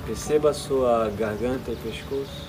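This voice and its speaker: Calm Brazilian man guiding meditation over prominent music. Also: medium pitch, normal speed. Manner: calm, soothing delivery with short, spaced-out instructions. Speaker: guided meditation instructor. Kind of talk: guided relaxation meditation. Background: music behind the voice.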